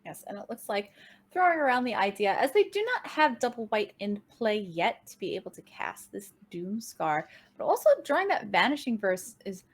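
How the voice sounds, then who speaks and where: A woman casting a card game match, giving play-by-play commentary with an upbeat manner and quick swings in pitch and tempo. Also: big pitch swings. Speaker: game caster.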